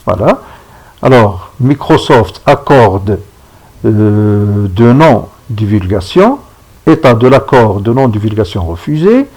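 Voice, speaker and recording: A man talks through a screen-recorded computer tutorial, slowly and patiently, often stopping to ask if viewers are following. His voice is somewhat husky and lively in pitch, recorded on a computer microphone. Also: low-quality recording. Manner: slow, step-by-step, checks in with "d'accord?". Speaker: instructor.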